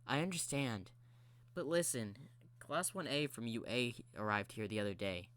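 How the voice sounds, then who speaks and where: A man's voice: medium pitch, normal speed, a bit bright, close to an everyday voice. A man voicing a nervous young male dock worker who is jumpy and apologetic. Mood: exasperated.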